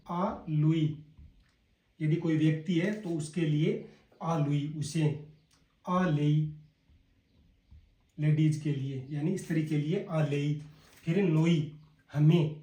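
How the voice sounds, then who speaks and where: A man with a Hindi accent teaching a casual spoken lesson, drilling words slowly one by one and calling his viewers brother. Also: fairly high pitch, warm tone. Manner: slow and repetitive, drilling words one by one, addresses viewers as "bhai". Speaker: language teacher. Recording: echoey room, voice a bit far from the mic.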